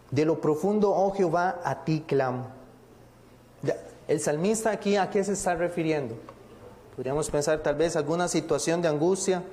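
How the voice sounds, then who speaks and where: Guy preaching in church, kinda high but mellow voice, slow careful scripture reading, big hall echo. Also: a little hiss or hum. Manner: deliberate, asks rhetorical questions, slows down to read scripture. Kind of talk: sermon.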